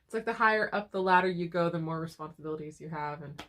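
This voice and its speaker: On a casual couple chat channel, a female co-host with a voice on the low side talks quickly and a bit brightly. A cough drop sits in her mouth as she works through a lingering cough, frequently laughing and beginning her sentences again.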